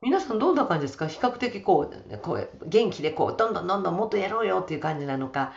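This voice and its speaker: A woman radio host with a low-pitched voice, recorded with a dull, muffled sound. She presents with upbeat energy and puts questions to her guest in a conversational way. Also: sing-song, rapid-fire, creaky. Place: radio studio.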